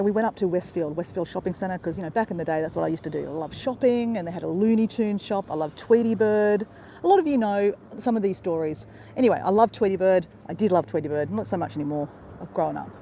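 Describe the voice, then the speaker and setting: A fairly low, creaky, warm-toned woman's voice comes with a little hiss or hum. She's an Australian travel vlogger chatting casually during a live-streamed walk in a park beside a river, calling her viewers "guys" over and over.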